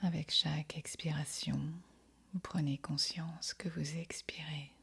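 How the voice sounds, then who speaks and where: A woman guides a yoga nidra meditation in a very breathy, husky near-whisper, her low voice holding an even, gentle line. Soft, soothing and unhurried, she offers each instruction quietly and then leaves a long pause before the next.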